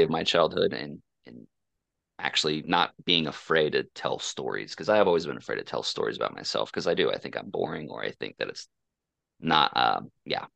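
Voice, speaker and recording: A man's voice: very deep voice, creaky, dry recording. A man from Oklahoma telling a childhood story as a coaching guest, hesitant and full of fillers. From Oklahoma, USA. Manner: hesitant, many fillers and restarts, soft-spoken. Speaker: coaching client and podcast guest. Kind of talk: casual personal storytelling.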